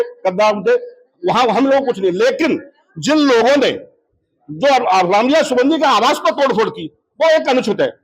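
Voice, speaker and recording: A man's voice: sits high, poor audio. A party leader, a man, giving a formal statement to reporters, using honorifics and stopping to restart phrases.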